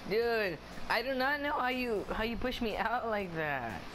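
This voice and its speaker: A man's voice: high-pitched, sing-song, measured pace. Young boy gamer teasing his friend, voice jumps all over, giggly, noisy recording. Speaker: video game player. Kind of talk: casual gaming banter with a friend. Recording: clearly noisy game-session recording.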